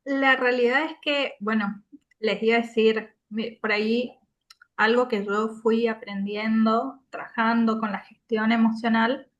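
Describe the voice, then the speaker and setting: Woman, fairly high voice, calm and explanatory. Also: measured pace, muffled recording. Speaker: podcast co-host. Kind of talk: casual conversation.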